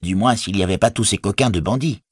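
A man's voice: lowish voice, fast talker, breathy edge, dry recording, clean studio sound, pitched above the performer's own voice. A man doing a polite hobbit housewife. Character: polite middle-aged female hobbit, homely. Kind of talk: audiobook reading.

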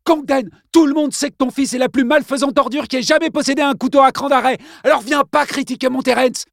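Une mère de famille furieuse et vulgaire qui hurle ses reproches d'une voix haut perchée, jouée par un homme dans un livre audio. Le son est sec et proche. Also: male voice, very high voice, fast talker, vocal fry, no echo, studio quality, pitched above the performer's own voice. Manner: crie, invective, parle cru. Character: mère furieuse, femme d'âge mûr, grossière et combative.

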